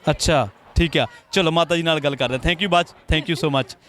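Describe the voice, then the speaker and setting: A woman's voice: low-pitched, moderate pace. A woman reporter interviewing people with a handheld mic at a Sikh temple street procession, asking friendly, coaxing questions. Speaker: reporter host.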